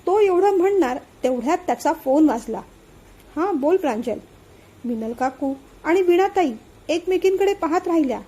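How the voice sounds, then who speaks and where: High, mellow female storyteller. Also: normal speed. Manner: steady, expressive reading. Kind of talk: scripted narration of a family novel.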